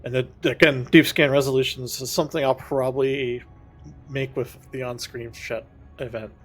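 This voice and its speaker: A man streaming a space game, thinking out loud in a casual, rambling way and correcting himself as he goes. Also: medium pitch, fairly even intonation, moderate pace, soft background music. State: has the hiccups. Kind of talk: casual gameplay commentary.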